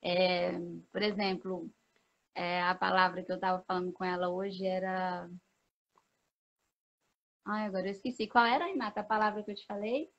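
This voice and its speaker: A woman's voice: medium pitch, steady tone, normal speed, long pauses, fairly bright tone. A woman pedagogue chatting in an interview, explaining patiently and ending many phrases with a questioning tag. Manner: explanatory, many "né?" tags and restarts. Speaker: pedagogue guest. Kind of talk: casual interview chat. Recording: dull lo-fi sound.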